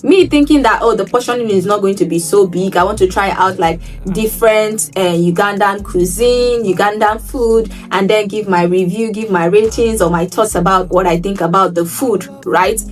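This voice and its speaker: A young Nigerian woman with a Nigerian accent chats to camera about her travels, leaning on repetition to drive points home. Her voice sits at a middling pitch and a little away from the microphone. Soft background music plays under her talk. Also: normal speed, few pauses. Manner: emphatic, repeats phrases for effect. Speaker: travel vlogger. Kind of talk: casual storytelling to camera. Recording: voice a little distant from the mic, soft music behind.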